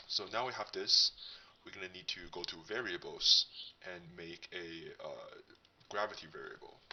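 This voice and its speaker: A man hosting a casual coding tutorial, his voice disguised as a deep one by a voice changer, thinking aloud as he demonstrates. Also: bright, forceful tone, recorded from a distance, a little hiss or hum, rough recording. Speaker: tutorial host.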